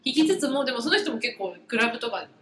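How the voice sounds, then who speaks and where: Animated venting woman, roomy sound. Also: a little high, fast, slight background noise. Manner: venting, animated storytelling with many acted quotes. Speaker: podcast co-host. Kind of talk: casual chat. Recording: roomy echo with faint ambience.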